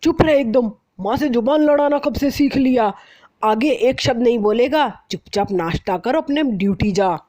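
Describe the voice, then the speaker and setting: A strict older father from a moral story, voiced by a woman narrator. He barks at his son in a loud, raised voice and cuts off every reply. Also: a little high, moderate pace, dry recording, voice pushed up, lightly acted. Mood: angry. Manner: barking orders. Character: stern older father-in-law, loud and angry.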